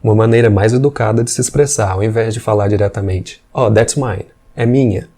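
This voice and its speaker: A man, teaching English patiently and slowly repeating examples. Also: fairly low pitch, warm tone. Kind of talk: explanatory language lesson.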